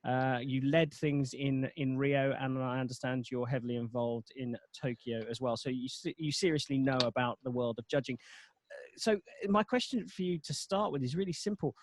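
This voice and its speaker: A man's voice: mid-range voice, moderate pace. A man hosting a roundtable over a video call, chatty, with many fillers and restarts. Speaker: host. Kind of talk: casual chat.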